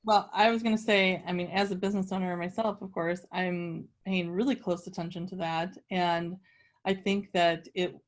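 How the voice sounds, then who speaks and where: A woman's voice: fairly low pitch, steady tone, normal speed. A woman who owns a business answering questions on a webinar panel over a video call, thoughtful and hedging. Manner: thoughtful, hedging with "you know". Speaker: business owner.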